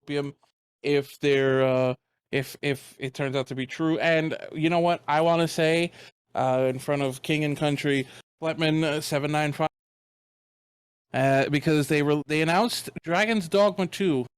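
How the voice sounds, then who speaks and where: A man's voice: on the high side, a little slow, clean tone, no echo. Casual male co-host, dry close sound, mic dropping in and out with uneven volume. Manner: relaxed, rambling, repeats himself. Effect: uneven volume, mic cutting out. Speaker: podcast co-host. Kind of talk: casual chat.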